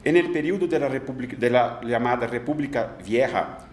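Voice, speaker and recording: In a conference hall, a man whose first language is Portuguese reads an academic conference paper in Spanish with a Brazilian Portuguese accent. He reads hesitantly, with many pauses and fillers, at medium pitch. The sound is roomy with a little hiss or hum.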